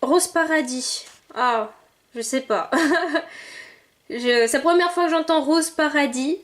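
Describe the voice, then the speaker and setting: High-voiced chatty woman unboxing slowly. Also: fairly bright tone. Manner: chatty, thinks aloud, frequent small exclamations. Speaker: vlogger unboxing collectible figurines. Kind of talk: casual unboxing commentary.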